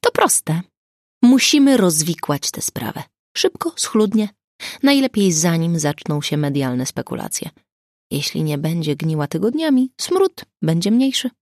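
Woman narrator doing a decisive female friend: low, gravelly, brisk and assertive, dry close audiobook sound. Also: lively intonation, dry recording. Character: sharp, decisive woman friend taking charge.

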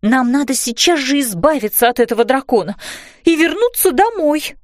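A woman reading a storybook aloud voices a fairy mother who calls out slow, emphatic commands and exclamations. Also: high voice, animated, dry recording, clean studio sound. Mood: indignant. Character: kind fairy mother, flustered and gentle.

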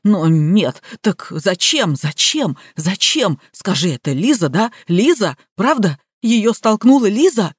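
A woman reading an audiobook, voicing a rude, panicking young man who shouts and blusters. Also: medium pitch, big pitch swings, slow, hardly any pauses, slightly rough, no room sound, clean studio sound, exaggerated voice. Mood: frantic. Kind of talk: audiobook character voice.

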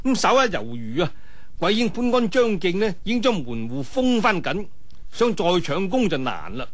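Speaking at a moderate pace in a high-pitched, sing-song voice, this Cantonese-accented man narrates a martial-arts tale. His delivery is dramatic and colloquial in the traditional storytelling style, peppered with vocal sound effects and interjections.

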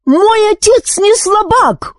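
A woman voicing a hot-headed young boy who yells shrilly. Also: lively intonation, takes it slowly, no echo, studio quality, heavily acted. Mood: furious. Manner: shrill, yelling.

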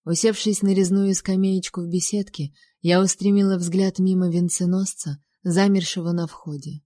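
Low, mellow woman narrating a story. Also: steady tone, moderate pace, dry recording, clean studio sound. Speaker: audiobook narrator. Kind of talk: first-person scripted narration.

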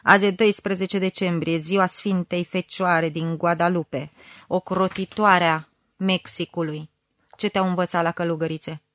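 A woman voicing a bossy, scornful old mother who scolds loudly and hisses through her teeth, in an audiobook reading. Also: medium pitch, no room sound, natural voice. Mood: scolding. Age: older.

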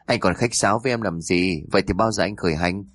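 A man's voice: low voice, quick pace, fairly bright tone, dry recording, clean studio sound, voice pushed down. A man voicing an honest, trusting young husband who speaks plainly and earnestly in a spoken story.

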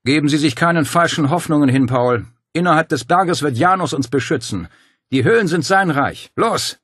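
A man voicing a calm, persuasive male cult leader who coaxes and quietly threatens. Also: fairly high pitch, moderate pace, no echo, studio quality, pitched above the performer's own voice. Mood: menacing. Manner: smooth, coaxing, quietly menacing.

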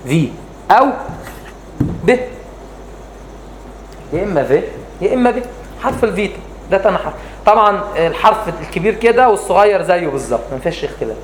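Fast, patient Egyptian man teaching a class. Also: a little high. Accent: Egyptian Arabic. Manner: patient, repeats questions to the class. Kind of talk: explanatory lesson. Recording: echoey room, faint background noise.

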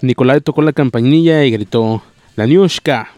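A man reading a novel aloud at a steady pace, sometimes stumbling and restarting a word. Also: medium pitch, normal speed, smooth, dry recording. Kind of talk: audiobook reading, plain voices for characters.

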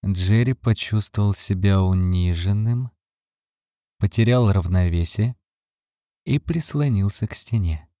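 Slow, deep male audiobook narrator. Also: dark tone, no echo, clean studio sound.

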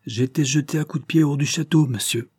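A man's voice: mid-range voice, expressive, normal speed, mellow, slightly rough, dry recording, studio quality. A man reading an audiobook, voicing an angry, vengeful valet who was thrown out of his post, threatening and emphatic. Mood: menacing.

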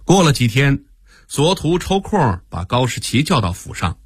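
A man narrating a historical radio story in an expressive storytelling style. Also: medium pitch, normal speed, breathy edge, no echo, clean studio sound.

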